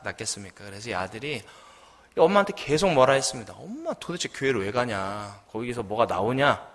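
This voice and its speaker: A man's voice: medium pitch, a bit bright. A man in his thirties, a junior pastor preaching a sermon, telling a story and asking the congregation questions. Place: church sanctuary. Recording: long church hall reverb.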